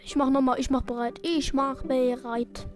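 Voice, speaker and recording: A woman giving excitable, self-mocking play-by-play commentary while she plays a video game. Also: sits high, moderate pace, faint music behind. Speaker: gaming video creator. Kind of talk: live gameplay commentary.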